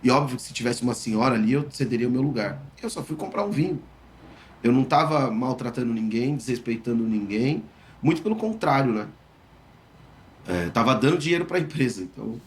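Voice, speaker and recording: A Brazilian man earnestly recounting a personal experience in an interview, emphatic and halting with restarts. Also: mid-range voice, animated.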